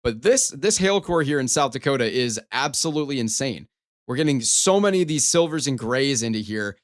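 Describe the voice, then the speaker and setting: A man's voice: mid-range voice, expressive, a little fast. A man hosting a live storm coverage stream, giving running weather commentary in an emphatic, repetitive way. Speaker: storm coverage livestream host.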